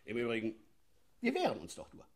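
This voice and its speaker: A man's voice: medium pitch, huge pitch swings, brisk, breathy edge, heavily acted. A man playing a gloating, leering riot cop. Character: zealous male riot policeman, relishing force. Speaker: policeman character. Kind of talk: satirical sketch dialogue.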